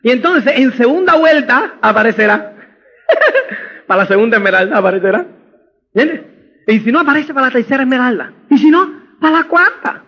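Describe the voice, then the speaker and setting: A man's voice: extremely high pitch, lively intonation, fairly quick, bright, forceful tone, husky. A man giving a motivational seminar talk, emphatic and often checking that listeners understand, recorded with dull lo-fi sound. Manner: emphatic, keeps asking "¿me entiendes?". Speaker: motivational speaker. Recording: dull lo-fi audio.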